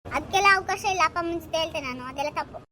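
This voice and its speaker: A woman's voice: very high voice, sharp tone. A woman playing a bossy older sister who lectures and scolds her little brother in a comedy skit. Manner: scolding, lecturing, quick-talking. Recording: noisy home video recording.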